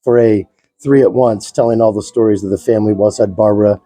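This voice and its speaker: A man hosting an interview, asking questions in a casual, slightly halting conversational way. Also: fairly low pitch, steady tone, mellow, poor audio. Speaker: interviewer, host.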